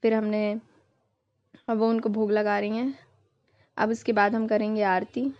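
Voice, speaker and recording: A woman's voice: mid-range voice, flat delivery, measured pace, no room sound, highs cut off. A young woman vlogger narrating her family's festival video in a casual, chatty way, dropping in English words now and then.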